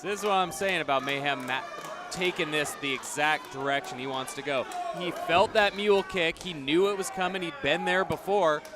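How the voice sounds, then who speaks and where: A man's voice: on the high side, moderate pace. A man doing color commentary at a wrestling match, explaining strategy in casual, chatty phrasing. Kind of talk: live wrestling commentary, conversational analysis. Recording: noisy live event, loud crowd around him. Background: crowd noise of a live wrestling event.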